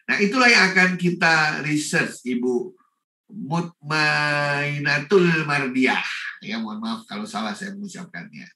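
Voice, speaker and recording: A man from Indonesia giving a lively talk at an online forum, mixing in English phrases and greeting listeners by name. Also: fairly high pitch, measured pace, reverberant, far from the mic. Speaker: forum speaker.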